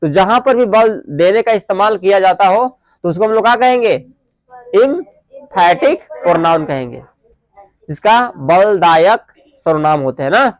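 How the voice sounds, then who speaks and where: A man's voice: high-pitched, lively intonation, dry recording, studio quality. A male grammar teacher giving a classroom lesson who keeps asking questions and answering them himself, mixing Hindi and English. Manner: dictates definitions slowly word by word.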